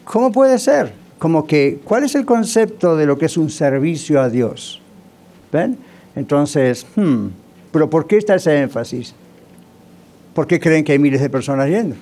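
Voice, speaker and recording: A man's voice: fairly high pitch, lively intonation, unhurried, mellow. A male pastor preaching a sermon in a conversational way, often asking the congregation rhetorical questions.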